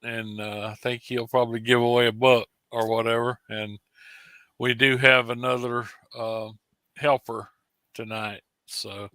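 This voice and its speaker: Male co-host, dry wisecracks, bright tone, dead-dry close mic. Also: mid-range voice, little pitch movement, measured pace, no room sound. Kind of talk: casual livestream banter.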